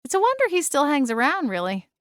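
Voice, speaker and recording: A woman's voice: sits high, huge pitch swings, quick pace, fairly bright tone, no echo. A woman reading a scripted first-person story as an audiobook narrator on a close microphone.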